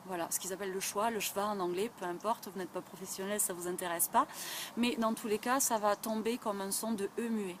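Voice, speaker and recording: A woman's voice: mid-range voice, steady tone, brisk, noisy background. A woman from southwest France with a southwestern French accent, explaining English listening skills in a chatty video lesson full of fillers. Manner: chatty, many fillers like "euh" and "ben". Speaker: English teacher.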